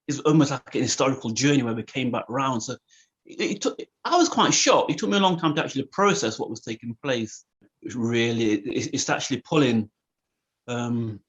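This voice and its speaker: Reflective male artist from England, halting and repetitive, mid-range voice. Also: medium pitch, highs cut off. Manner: hesitant, repeats words as he thinks. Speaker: photographer and video artist. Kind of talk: reflective interview.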